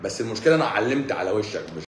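An Egyptian doctor in his forties hosts a live stream, answering comments rapid-fire with mocking sarcasm in Egyptian Arabic. His sing-song delivery swings from loud, exasperated bursts to low mutters, echoing around the room, with a little hiss or hum in the audio.

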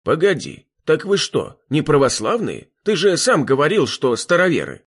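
A man voicing a gruff, sardonic old bearded man who talks bluntly and mockingly. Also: fairly high pitch, wildly swooping pitch, normal speed, voice pushed up, exaggerated voice. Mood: wry.

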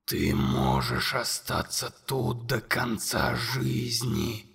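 A man voicing a huge, relentless monster in an audiobook, speaking in a low, slow, menacing whisper. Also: big pitch swings, vocal fry, a bit bright, husky, in a large hall, full character voice.

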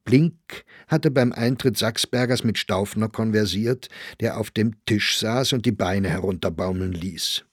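A man narrating an audiobook in a measured, deliberate reading. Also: on the low side, breathy edge, no echo, clean studio sound. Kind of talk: scripted narration.

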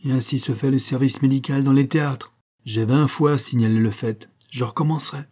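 A man voicing an older, distinguished doctor who speaks in a measured, serious way. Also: mid-range voice, fairly even intonation, warm tone, natural voice. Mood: earnest. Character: older distinguished male physician, calm and earnest.

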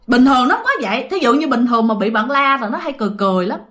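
Her voice sits on the high side, a little bright, animated and very fast as this Southern Vietnamese-accented woman spins a casual ghost story, addressing her audience head-on in a chatty way.

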